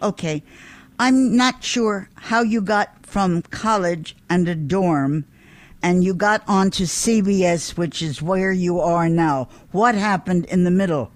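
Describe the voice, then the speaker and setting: A man's voice: sits high, takes it slowly, dry recording. A man hosting an interview, asking questions in a playful, teasing and affectionate way. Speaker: interview host. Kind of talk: casual interview conversation.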